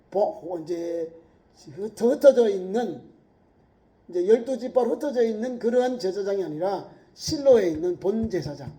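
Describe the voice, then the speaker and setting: A man's voice: high voice, dark tone. A middle-aged male pastor preaching a sermon with emphatic rhetorical questions.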